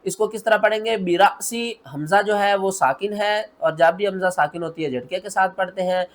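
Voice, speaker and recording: Guy w a pretty high voice teaching tajweed, patient step by step explaining, slow stretched-out examples. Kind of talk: explaining and demonstrating recitation.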